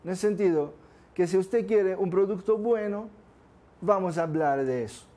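Speaking at a moderate pace, this course speaker has a high voice with a dark tone. He's an older native Italian speaker from southern Italy, giving a casual seminar talk to a class and regularly putting questions to the room.

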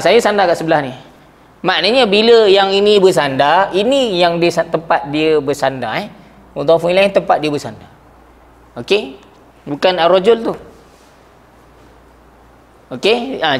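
Male language teacher, high pitch, lively classroom lecturing, keeps checking the class follows. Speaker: Arabic grammar teacher.

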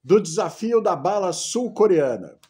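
High-pitched husky man hosting, very lively. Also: a little slow. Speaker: host of a candy challenge. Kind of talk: casual vlog presenting. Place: outdoors at a house patio.

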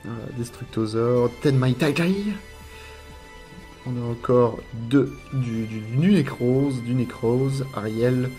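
Casting: French guy, casual rambling unboxing commentary, mid pitch, faint music underneath. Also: flat delivery, measured pace, hardly any pauses, dark tone. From France. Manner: rambling, repeats words, lists card names. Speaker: YouTuber unboxing trading cards.

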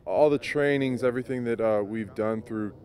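A man interpreting a player's answers into English in a relaxed, conversational way, paraphrasing with fillers. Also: fairly low pitch, normal speed, a little hiss or hum.

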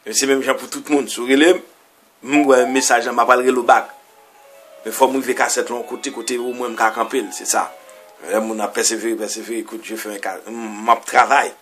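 A man preaching as a pastor, reading verses aloud and explaining them in loose, halting phrases. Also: mid-range voice, flat delivery, a bit bright, faint music behind. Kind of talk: sermon reading and explaining scripture.

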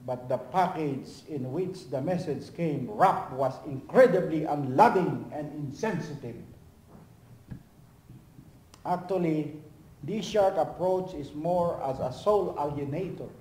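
A male pastor preaching a sermon in lively, swinging from loud emphasis to near-whisper and acting out short dialogues. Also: on the high side, slow pace, long pauses, a little hiss or hum. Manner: animated preaching, swings from loud to soft, acts out little dialogues. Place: church. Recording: echoey church hall.

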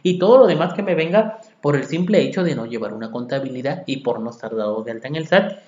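Talking fast with lively intonation, this man has a medium-pitched, darkish voice. He's a Mexican accountant in a podcast lecture on tax law, reading out legal articles before unpacking them with rhetorical questions aimed at his audience. Echo from the room and a dull lo-fi quality color the audio.

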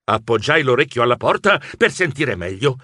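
Lively man narrating a children's story. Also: mid-range voice, normal speed, dry recording, clean studio sound. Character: nervous male mouse writer narrating.

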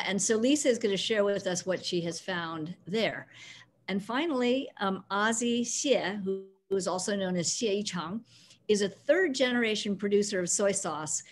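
A middle-aged woman moderating an online panel from her living room over a video call, upbeat and brisk with frequent ums. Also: medium pitch.

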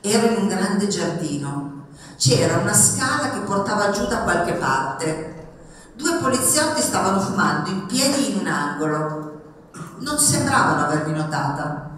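A woman reading passages of a memoir aloud at a public event, expressive and rising in pitch on the lively parts. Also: slight background noise. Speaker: reader at a book event. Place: public event in a reverberant hall. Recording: echoey hall, mic far off.

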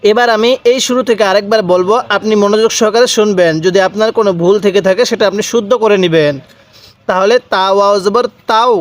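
High-voiced man drilling syllables. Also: clear, resonant tone. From Bangladesh. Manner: repeats syllable drills slowly. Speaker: Quran reading teacher. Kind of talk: recitation lesson.

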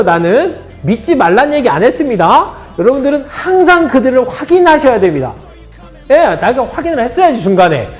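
A man, a former army officer, telling a story from his service and acting out what others said. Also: very high voice. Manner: animated, acts out dialogue of others.

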